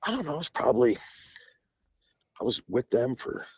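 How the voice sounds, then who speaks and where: Here the man's voice sits at medium pitch, husky and sing-songy, moving at normal speed. A podcast guest in his forties, he tells long, rambling stories in a relaxed interview, restarting frequently and laughing between phrases.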